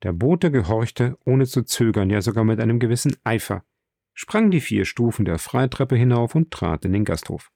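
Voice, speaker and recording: A man narrating a classic novel as an audiobook, measured and even. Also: mid-range voice, vocal fry, no echo, clean studio sound.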